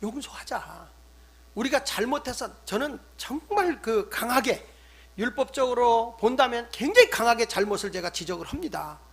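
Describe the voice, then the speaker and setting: An older man, a pastor, preaching a sermon, swinging between loud emphatic stresses and hushed asides. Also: extremely high pitch, lively intonation, moderate pace, creaky, breathy edge. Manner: acts out scolding quotes in conversational tone.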